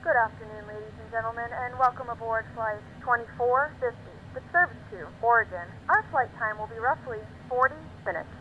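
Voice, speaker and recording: A woman's voice: fairly high pitch, brisk, few pauses, muffled recording. A woman flight attendant reciting a formal, scripted airline safety announcement. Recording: loud aircraft cabin noise. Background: airplane drone.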